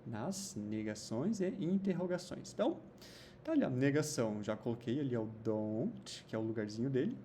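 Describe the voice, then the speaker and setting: A male English teacher gives a grammar lesson in Portuguese, his mellow voice lively in pitch, patient and explanatory. He draws out example sentences slowly and keeps checking with "tá?" and "né?", with faint noise behind him.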